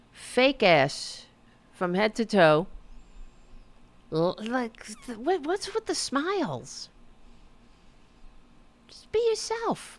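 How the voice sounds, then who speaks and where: A podcast host delivers casual political commentary, sarcastic, mocking and profane, frequently exasperated as she repeats her demands. Her voice is a little high and creaky.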